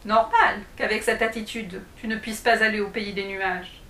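Femme qui fait un petit nain calme et taquin. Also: female voice, mid-range voice, moderate pace, slight background noise, close to an everyday voice. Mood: scolding. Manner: unflustered, a little scolding. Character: small male dwarf, calm and teasing. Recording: echoey room.

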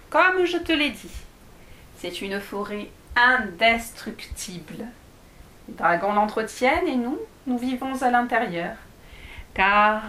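A woman's voice: on the high side, fairly bright tone. A woman voicing a friendly forest salamander who kindly explains and guides, recorded in an echoey room.

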